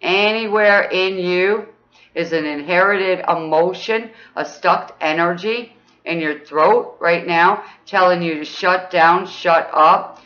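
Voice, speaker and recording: A woman leading a guided throat chakra exercise, chatty and upbeat, often checking in with "okay?" and breaking into high whoops. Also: slow pace, highs cut off. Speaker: spiritual teacher.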